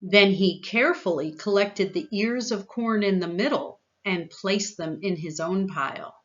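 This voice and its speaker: Slow, bright-voiced woman reading a storybook. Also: mid-range voice, dull audio. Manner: expressive, deliberate. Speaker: volunteer gardener reading a children's book aloud. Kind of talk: dramatized storybook narration.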